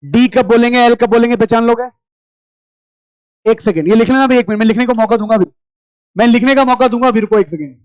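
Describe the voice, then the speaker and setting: A man's voice: extremely high pitch, clear, resonant tone, low-quality recording. A man teaching chemistry to a class, firing short questions and repeating them as he goes. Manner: quizzing students with rapid repeated questions; familiar, addresses class as brother. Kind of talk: classroom lecture.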